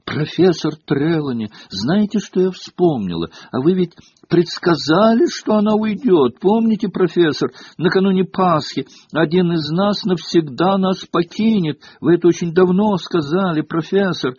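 A man voicing a gushing, adoring schoolgirl who talks in a high, eager, excited way. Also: moderate pace, breathy edge, no room sound. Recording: dull lo-fi cassette audio.

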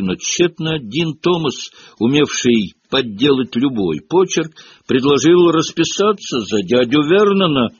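Male storyteller, very animated pitch, husky, slightly muffled recording. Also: a little hiss or hum. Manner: expressive storytelling. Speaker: audiobook narrator. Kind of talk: audiobook reading. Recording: dull lo-fi audio.

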